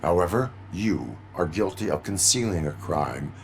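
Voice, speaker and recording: A man playing a stoic cyborg police officer in a video game, speaking in a formal, deadpan, clipped official way. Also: low voice, normal speed, a little hiss or hum. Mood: stern, impassive. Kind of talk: video game character dialogue.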